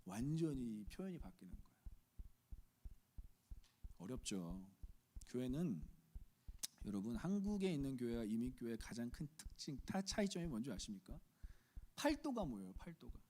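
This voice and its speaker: Middle-aged male pastor, Chungcheong accent, lively sermon style, swings his pitch, mimics voices. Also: normal speed, pauses often. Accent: Chungcheong Korean. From Korea. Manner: animated preaching, acts out quoted voices, rhetorical questions to congregation.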